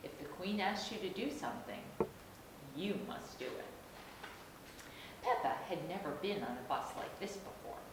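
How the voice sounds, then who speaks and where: Echoey, expressive woman reading to a toddler. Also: moderate pace, long pauses. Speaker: storybook reader. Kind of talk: animated read-aloud to young children. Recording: echoey room, distant mic, noisy rumble.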